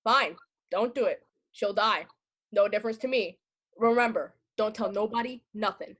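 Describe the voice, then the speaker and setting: A woman's voice: medium pitch, normal speed, a bit bright, close to an everyday voice. A woman playing a callous, threatening talking raven in a stage comedy, blunt with squawking outbursts.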